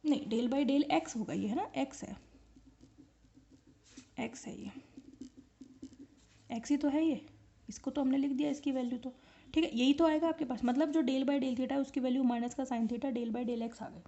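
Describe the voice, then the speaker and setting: A woman's voice: high voice, unhurried, pauses often, warm tone, muffled recording. A woman teaching an online physics lecture, explaining step by step and often checking whether students follow. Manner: explains step by step and keeps asking the class if they follow.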